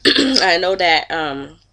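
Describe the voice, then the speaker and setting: In a fairly low voice with big pitch swings, this woman speaks very slowly, her tone pushed and bright. She is a vlogger in her thirties with a cold, congested and nasal, casually gossiping to camera at home and making no secret of her disgust.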